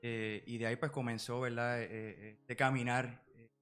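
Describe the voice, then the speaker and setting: A Puerto Rican man in his forties, a psychology professional, speaking as a podcast guest in a measured way with many filler pauses. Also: medium pitch, level tone, fairly bright tone, clean tone, faint music behind. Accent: Puerto Rican Spanish. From Puerto Rico. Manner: measured, full of filler "eh" and "¿verdad?" tags. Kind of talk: podcast interview.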